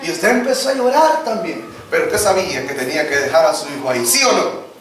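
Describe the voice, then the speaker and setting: Fairly quick and expressive, this pastor's voice leans high with a fairly bright tone. He delivers a sermon in an echoey church hall, captured on a distant mic with the congregation present, running call-and-response and performing family conversations.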